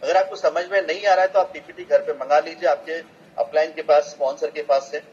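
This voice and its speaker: Male presenter, persuasive pitch-meeting delivery, dull lo-fi recording. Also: fairly even intonation, brisk, a little mellow. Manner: rallies the audience with rhetorical questions. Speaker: business presenter. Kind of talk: motivational sales presentation. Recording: dull lo-fi sound with faint ambience.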